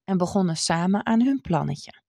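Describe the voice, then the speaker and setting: A woman reading a children's storybook aloud in an expressive, measured way. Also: lowish voice, creaky, no room sound, clean studio sound.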